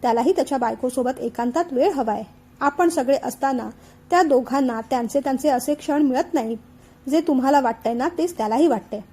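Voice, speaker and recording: An older mother-in-law, calm and persuasive, as a woman narrator reads her. She reasons gently in a high, mellow voice. Audiobook family drama. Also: slightly rough.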